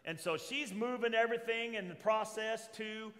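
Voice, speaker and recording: An older man preaches from a pulpit in a church hall, his voice sitting fairly high for a man. A long reverb trails after his words as he reads scripture and puts questions to his congregation. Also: normal speed, a bit bright. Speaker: pastor. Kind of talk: sermon.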